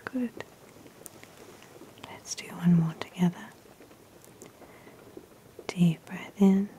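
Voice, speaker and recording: Soft whispery lady doing asmr massage, really slow, kinda low voice. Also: a little hiss or hum. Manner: slow, gentle, reassuring instructions. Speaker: massage therapist roleplay.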